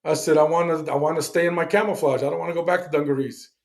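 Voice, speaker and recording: A man's voice: a little high, fairly even intonation, rapid-fire. A middle-aged man, a Navy veteran guest, telling his service story in a blunt, casual way, with swearing and acted-out dialogue.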